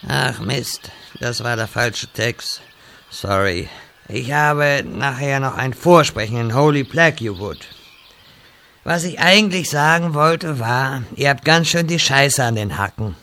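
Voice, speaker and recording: Man playing Medivh, a pompous creaky-voiced wizard. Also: mid-range voice, lively intonation, measured pace, pushed and bright. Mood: sheepish, casual. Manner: grandiose, theatrical, slipping into petulant slang. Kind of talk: comedic fantasy audio drama parody.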